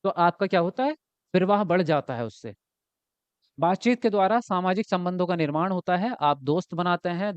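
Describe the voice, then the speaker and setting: A man's voice: on the high side, clear, resonant tone, no echo. A man teaching a live online exam-prep class, chatty and often checking with his viewers. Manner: chatty, keeps asking "right?" and answers chat comments. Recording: dull lo-fi dry sound.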